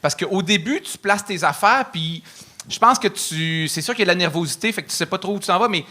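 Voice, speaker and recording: A man's voice: high-pitched, a little fast, pushed and bright. A Quebec French man judging a comedy set live, teasing and then giving frank advice. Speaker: comedy judge.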